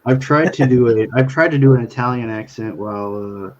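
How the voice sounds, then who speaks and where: A man co-hosts a drawing talk show, chatting casually and trading joking, teasing banter while drawing. His voice is medium-pitched and fairly quick, with the highs cut off.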